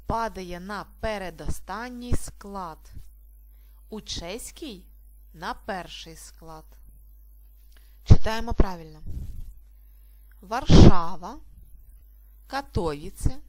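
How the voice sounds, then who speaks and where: A woman teacher giving a recorded primary school language lesson, reading slowly and clearly with carefully stressed syllables. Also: medium pitch. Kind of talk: video lesson.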